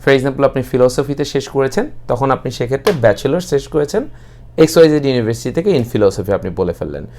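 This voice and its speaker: A young man with a Bangladeshi accent teaching an English class, explaining steadily and slowing right down for model sentences. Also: medium pitch, expressive, mellow, a little hiss or hum. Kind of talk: online English class, mixing Bengali and English.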